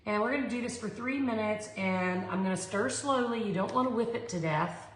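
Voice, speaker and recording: Hosting a live art tutorial, a woman with a mid-range voice chats with viewers at a fairly quick pace, rambling and thinking aloud as she works through a casual craft lesson. She's in an echoey room with background noise.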